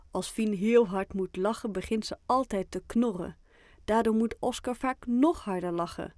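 A woman narrating a children's audiobook in a gentle, clear storytelling manner, close to the mic. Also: mid-range voice, no echo.

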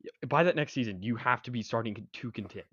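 A man's voice: mid-range voice, quick pace, a bit bright, breathy edge, no echo. A young man co-hosting a casual sports podcast, rambling with stuttering restarts and strong opinions. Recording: dry, dull lo-fi sound.

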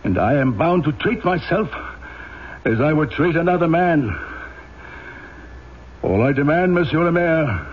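A severe, honour-bound French police inspector in an old-time radio play. His delivery is formal and deliberate, with emphatic self-accusation. The vintage recording is dull and clearly noisy. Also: a little high, lively intonation. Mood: stern self-reproach. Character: stern, rigidly honourable French police inspector confessing a fault.

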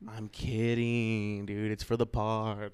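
A young man co-hosting a comedy podcast, ranting loudly with profane, mock-serious banter. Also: lowish voice, monotone, takes it slowly, smooth. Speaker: podcast co-host.

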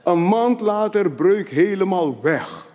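A man with a fairly high voice preaching a sermon in a large church hall, where a long reverb trails his words. He swings between quiet, confiding asides and loud, rising declarations. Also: expressive, takes it slowly. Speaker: apostle preaching.

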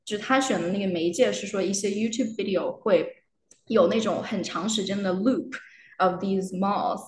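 A woman's voice: mid-range voice, moderate pace. A young adult woman, a doctoral candidate guest, chatting casually about her research and moving between Chinese and English mid-sentence with many fillers. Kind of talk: casual academic chat. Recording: roomy with faint noise.

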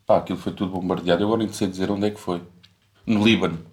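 A man's voice: sits low, fairly even intonation, rapid-fire. A young man, chatting casually in a rambling, slangy way full of swearing. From Portugal. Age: young adult. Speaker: podcast co-host. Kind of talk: casual chat.

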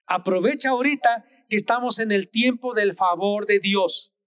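A man's voice: high-pitched, moderate pace, fairly bright tone, no echo, studio quality. A man preaching a sermon in an earnest, exhorting way, repeating phrases for weight.

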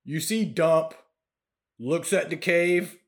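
A man's voice: on the high side, slow. A man narrating as game master in a loose, laughing storytelling manner.

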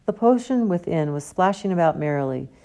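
A woman reading a novel aloud as audiobook narration, in a steady storybook manner. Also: lowish voice, a little fast. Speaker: audiobook reader. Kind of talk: scripted narration.

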